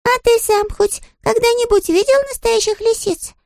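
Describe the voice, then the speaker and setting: A tiny yellow storybook chick girl with a very high, squeaky voice, always chattering and asking eager questions. The voice is dry and close, with no room around it. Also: steady tone, moderate pace, vocal fry, dry recording. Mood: curious.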